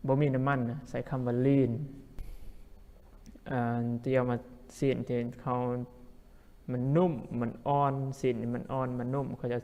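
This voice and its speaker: A man's voice: medium pitch, little pitch movement, unhurried, mellow. A man teaching English vocabulary as a language teacher, who repeats each word several times. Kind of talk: vocabulary lesson. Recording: long hall reverb.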